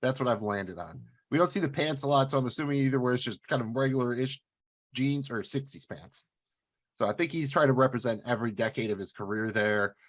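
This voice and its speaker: Man, podcast co-host, casual chatty review talk, mid pitch. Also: a little fast. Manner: chatty, hesitant with fillers.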